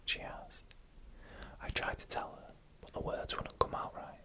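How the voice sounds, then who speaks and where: Whispering scary stories ASMR-style, a narrator speaks slowly and deliberately, leaving pauses between short phrases. The sound is pushed and bright.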